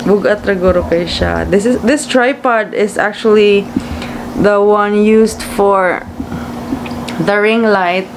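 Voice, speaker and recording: A woman's voice: mid-range voice, slow. A woman from the Philippines with a Cebuano Filipino accent, just woken up, chatting casually and rambling as she vlogs, switching between English and Cebuano. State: just woke up. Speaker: vlogger. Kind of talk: casual vlog chat. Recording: clearly noisy room, air-conditioner-like hum.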